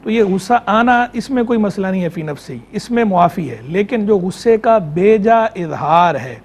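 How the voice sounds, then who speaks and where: A man Islamic scholar on a live call-in show, explaining religious rules in a measured way and repeating key terms. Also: high-pitched, lively intonation. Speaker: Islamic scholar answering on air. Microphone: remote line into studio.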